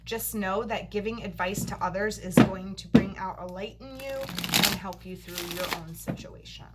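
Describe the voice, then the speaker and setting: A woman giving a monthly tarot reading to camera, her voice a little creaky and tired after a long day, reassuring listeners as she goes. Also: medium pitch, moderate pace, loud music behind the voice. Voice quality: slightly creaky. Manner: reassuring, checks in with "okay?". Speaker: tarot reader.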